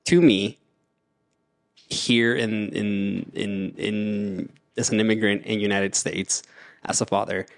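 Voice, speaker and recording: A man co-hosting a casual movie podcast. He talks in a relaxed, thoughtful way and often trails off and starts over. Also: on the low side, slow, creaky, no echo, clean studio sound. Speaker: podcast co-host. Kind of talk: casual chat.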